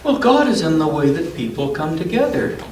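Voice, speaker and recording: At a church story time, a man reads a picture book aloud to children, breaking off for asides and asking them questions about the pictures. His voice is a little high, very animated and slightly mellow, picked up by a distant mic in a roomy, echoey church with background noise.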